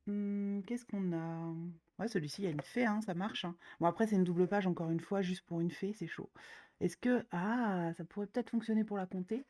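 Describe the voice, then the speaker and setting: A woman's voice: medium pitch, moderate pace, mellow. A woman talking casually while browsing coloring books, chatty with many fillers, a little nasal from a cold. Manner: chatty, many fillers, slangy and self-mocking. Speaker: coloring YouTuber. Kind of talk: casual chat leafing through coloring books.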